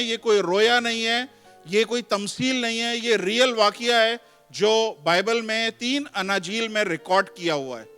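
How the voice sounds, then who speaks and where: Male pastor, high bright voice, sermon and scripture reading, reverberant hall, faint music underneath. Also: clear, resonant tone. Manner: explains terms, mixes in English words. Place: church hall.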